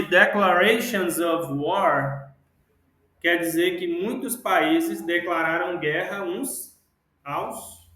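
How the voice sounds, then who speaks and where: Slow, patient male teacher in an echoey room. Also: on the high side, a bit bright. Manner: slow, repeats words to model pronunciation. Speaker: English teacher. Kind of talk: classroom English lesson. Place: classroom.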